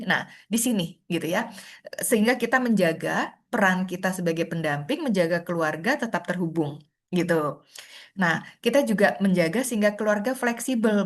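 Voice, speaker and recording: A middle-aged woman, a clinical psychologist, gives a gentle, explanatory webinar lecture over a video call, often tagging her points with soft checks for agreement. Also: mid-range voice. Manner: gentle, explanatory, many "gitu ya" tags.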